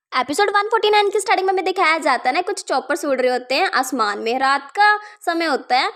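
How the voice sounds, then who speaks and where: A woman casually retelling a comic story, chatty and informal, speaking the characters' lines with light shifts in her own voice. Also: high voice. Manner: chatty, keeps calling listeners yaar and bhai. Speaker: manhwa recap narrator. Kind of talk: casual story recap narration.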